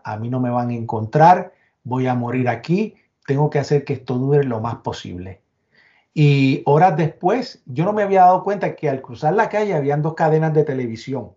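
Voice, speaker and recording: A man's voice: fairly high pitch, darkish tone, highs cut off. A man from Puerto Rico with a Puerto Rican accent, giving an emotional first-person account as an interview guest, often stumbling over and repeating his words. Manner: halting, repeats and restarts words under emotion.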